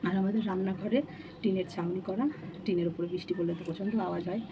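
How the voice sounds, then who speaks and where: A woman chatting casually to her viewers while cooking at home, keeping her voice low so her sleeping son is not woken. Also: steady tone, quick pace. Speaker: home vlogger and mother. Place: home kitchen with a tin roof during rain. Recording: noisy home recording with rain on a tin roof.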